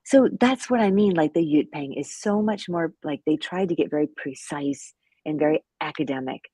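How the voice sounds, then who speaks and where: A woman's voice: low voice, normal speed, dark tone, husky, dry recording. A woman co-hosting a live language lesson, chatting casually with many fillers and little self-deprecating laughs. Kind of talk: casual live-stream teaching chat.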